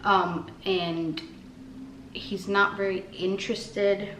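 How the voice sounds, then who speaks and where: A woman's voice: mid-range voice, flat delivery, slow pace, a bit bright. A woman vlogger chatting casually, rambling with many fillers. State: out of breath. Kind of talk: casual chat. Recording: echoey room, faint noise.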